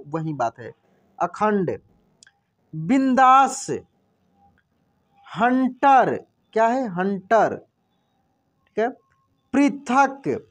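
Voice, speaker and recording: A male teacher works through a reading lesson at a patient, unhurried pace. He sounds out each word slowly, repeats it, and stops often to ask what was just written. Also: extremely high pitch. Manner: spells out words slowly, repeats them, quizzes the listener. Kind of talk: classroom-style reading lesson.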